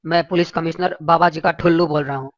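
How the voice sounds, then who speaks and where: A woman voicing a pompous, gullible male police commissioner with a slower, deeper put-on voice, still pitched up like a cartoon. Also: fairly even intonation, dry recording, dull audio. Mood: official. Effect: high pitch-shifted cartoon voice.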